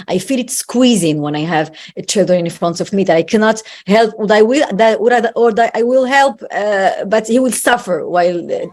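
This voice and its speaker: A woman's voice: medium pitch, a little mellow. Woman host searching for her words. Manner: searching for words, many restarts. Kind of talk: conversational panel talk.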